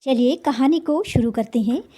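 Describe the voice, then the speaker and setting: A woman's voice: sits high, normal speed, dark tone. A woman teacher reading a children's story aloud and patiently explaining the meaning of each word.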